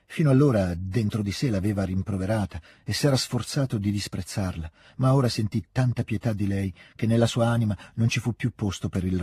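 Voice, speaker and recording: A man reading a classic novel aloud in a calm, measured way, recorded in a studio. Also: lowish voice, slightly rough. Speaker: audiobook reader.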